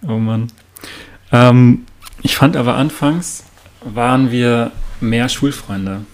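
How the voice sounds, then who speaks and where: Young man, mid-pitched voice, relaxed, chatty, asks a lot of questions. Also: slow pace. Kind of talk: casual chat between old school friends.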